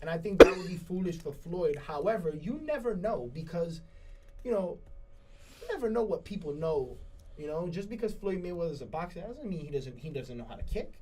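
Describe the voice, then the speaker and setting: A man's voice: on the high side, sing-song, a little fast, warm tone. A man co-hosting a casual sports talk show, rambling, repeating his words and laughing often. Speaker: co-host. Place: studio.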